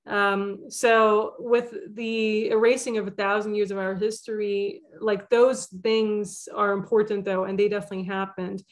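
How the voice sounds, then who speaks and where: A woman's voice: mid-range voice, level tone, measured pace, hardly any pauses. A young woman hosting a spiritual channel, talking alone in a loose, rambling way with lots of fillers and restarts. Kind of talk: casual monologue.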